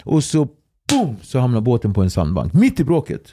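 A man guesting on a podcast, telling a story in a casual, animated way, swearing and acting out what others said. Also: mid-range voice, slight background noise. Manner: animated, swearing, acts out quotes, laughs through the story.

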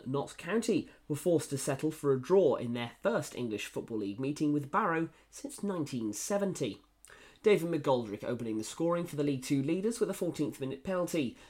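A man presenting a football results roundup, reading match reports from a script. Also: on the high side.

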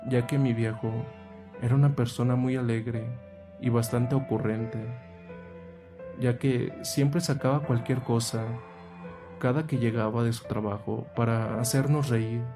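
A man narrating a first-person horror story in a steady, measured way. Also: mid-range voice. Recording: music playing under the voice.

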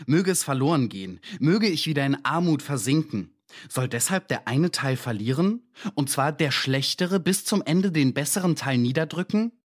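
Man doing a tormented murderer in his 30s, impassioned and self-justifying; middle pitch, audiobook. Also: lively intonation, moderate pace, natural voice. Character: tormented male murderer, 36 years old, pleading.

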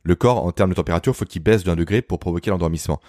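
Fast-talking man with a deep voice. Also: darkish tone, no echo, studio quality. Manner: fast, didactic, addresses the listener informally. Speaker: guest explaining health topics. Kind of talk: explanatory podcast talk.

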